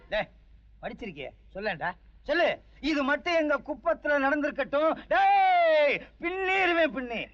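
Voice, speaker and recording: An actor playing a brash, loud slum man who scolds and taunts with righteous fury. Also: extremely high pitch. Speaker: slum man named Munusamy. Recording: dull old film soundtrack with music.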